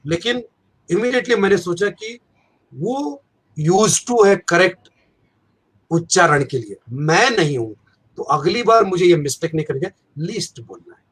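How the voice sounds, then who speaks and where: A man chats casually in a panel conversation. His voice sits a little high, and he tells his stories with a light, self-deprecating humor. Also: animated, measured pace, pauses often, fairly bright tone, breathy edge. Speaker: event anchor.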